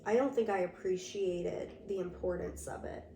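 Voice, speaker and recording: A young woman talks through a casual podcast conversation, her voice a touch hoarse and her thoughts earnest and reflective, full of little "like"s. She sits a little away from the mic in a roomy space that carries a clear echo. A faint hush of background noise sits under her voice. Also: lowish voice, fairly even intonation, normal speed, recorded from a distance. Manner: reflective, earnest, frequent "like" fillers. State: slightly hoarse from a sore throat. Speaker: podcast co-host. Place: room with door open to rain.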